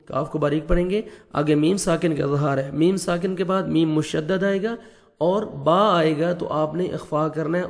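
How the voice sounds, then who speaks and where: A man with a Pakistani Urdu accent teaching Quran recitation rules, patiently explaining step by step and chanting verses slowly. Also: on the high side, creaky, darkish tone.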